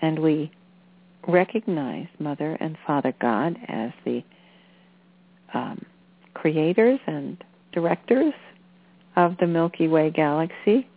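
Woman spiritual channeler, low register, soothing and deliberate, heard through a narrow phone-like recording. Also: expressive, no echo. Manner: unhurried, deliberate, with halting phrases. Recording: phone-like narrow-band sound.

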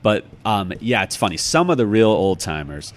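This interview guest, an American from Chicago, has a lowish voice and talks at a moderate pace in a very animated way. His manner is reflective, casual and musing, and there is obvious background noise.

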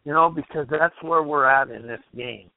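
A man's voice: on the high side, moderate pace, a little hiss or hum. Man losing his voice on phone-line radio. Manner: rambling, asks the listener many questions. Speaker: radio show host. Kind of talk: motivational call-in radio monologue.

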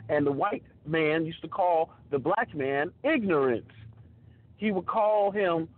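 A man's voice: fairly high pitch, measured pace. A man speaking in an impassioned, preacher-like way, building up emphatic statements. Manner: emphatic, rising, preacher-like delivery. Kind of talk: impassioned preaching-style talk. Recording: tinny phone-line sound.

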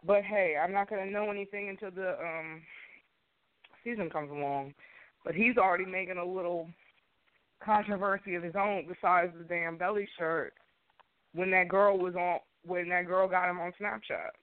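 A woman's voice: fairly low pitch, fairly even intonation, normal speed, dry recording. A woman caller talking on speakerphone in an outspoken, chatty call-in conversation. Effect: on a phone speaker. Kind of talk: casual call-in chat. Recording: tinny dry phone line.

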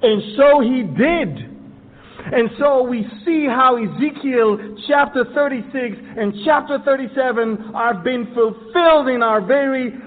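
High-voiced Israeli-born man preaching in a hall. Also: expressive, measured pace. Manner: building from quiet to loud, emphatic preaching. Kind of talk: sermon on Bible prophecy. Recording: tinny phone-like sound with long hall reverb.

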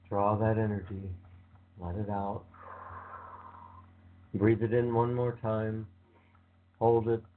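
A man leading a guided visualization meditation with slow, calm, soothing instructions. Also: on the low side. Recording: tinny phone-like sound.

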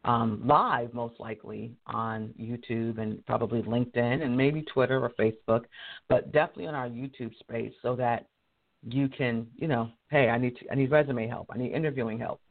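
A hoarse man hosting a casual live career show, chatty and laughing often as he restarts his sentences. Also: medium pitch, steady tone, normal speed, phone-quality sound. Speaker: career coach and show host. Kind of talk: casual live-stream talk.

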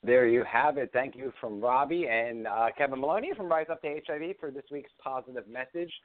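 A man's voice: mid-range voice, fairly quick. A man hosting a radio show, enthusiastic and full of fillers. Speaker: radio host. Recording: tinny line with clear noise.

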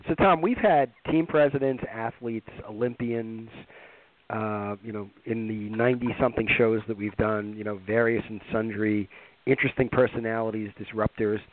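A man's voice: fairly low pitch, steady tone, normal speed. Nasal-sounding male podcast host. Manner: rambling, conversational, many fillers. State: head cold. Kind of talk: casual podcast chat. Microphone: remote call. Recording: tinny phone-line sound, dry.

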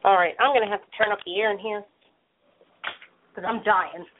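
A woman around thirty, co-hosting a casual chat in a relaxed way and laughing easily. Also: mid-range voice, moderate pace, a little hiss or hum. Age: 30s. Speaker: podcast co-host. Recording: tinny phone-like line.

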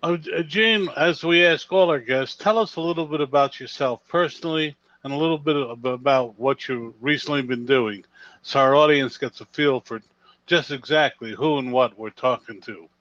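A man hosts a conversational interview at a medium pitch. His delivery is halting, with stumbles on words. The sound is dry and somewhat dull, like low-grade radio audio. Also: a bit bright, no room sound. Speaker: interview host.

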